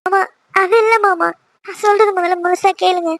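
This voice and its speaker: A woman plays a young cartoon wife with a very high, girlish voice. She talks in a dry, close recording with no room sound, emotional and bashful with her husband. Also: steady tone, fast talker, no echo. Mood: tearful. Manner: tearful, then coy and teasing. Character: young wife, newly pregnant, emotional and shy. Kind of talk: cartoon voice acting.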